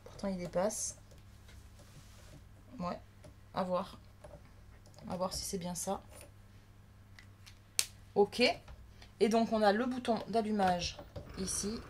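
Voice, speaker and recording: A woman's voice: medium pitch, steady tone, slow, long pauses, a little mellow, slight background noise. A woman from France giving casual, chatty unboxing commentary, thinking aloud as she handles a new crafting machine. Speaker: crafting vlogger.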